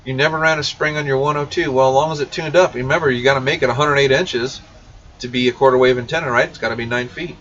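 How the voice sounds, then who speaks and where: A fast-talking man with a steady, fairly bright mid-range voice hosts a casual CB radio shop livestream Q&A. He reads viewer questions aloud, speaking to viewers directly in a blunt, informal style. The recording comes through a dull, distant mic with faint background noise.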